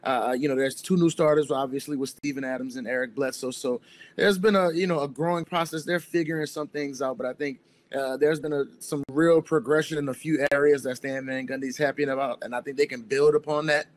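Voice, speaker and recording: A man's voice: medium pitch, steady tone, brisk. A man with an American accent, around his thirties, giving conversational sports analysis as a guest reporter. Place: small room indoors on a video call.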